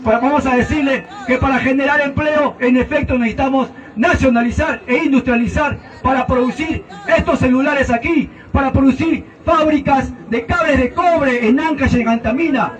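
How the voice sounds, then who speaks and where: A man's voice: very high voice, normal speed, hardly any pauses, lo-fi sound, slight background noise. A Peruvian man giving a fiery, mocking campaign debate speech as a senate candidate. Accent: Peruvian Spanish. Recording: distant outdoor recording.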